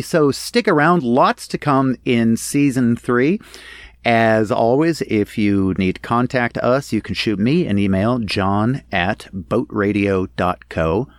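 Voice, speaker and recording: A man's voice: mid-range voice, dry recording. A man speaking as a podcast host, giving a conversational solo announcement straight to his listeners. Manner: conversational, addressing listeners directly. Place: inside the cabin salon of a boat.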